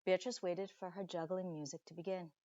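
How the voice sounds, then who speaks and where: A woman reading a children's story aloud expressively, with deliberate dramatic pauses and chatty asides to young listeners, like a teacher. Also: lowish voice, steady tone, mellow, dry recording, muffled recording.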